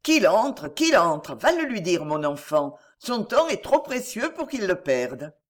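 A woman narrator voicing a noble duke, warm yet commanding. He talks emphatically and presses his points with earnest insistence, in a lively storybook reading. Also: mid-range voice, measured pace. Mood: insistent. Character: noble, warm but commanding duke, middle-aged man.

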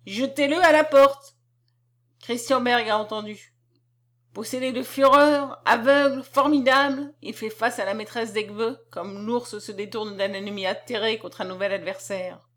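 A woman reads a classic novel aloud with dramatic, expressive delivery. Her voice sits fairly high for a woman and leans into the tension of each scene. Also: normal speed. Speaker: narrator. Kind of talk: literary reading.

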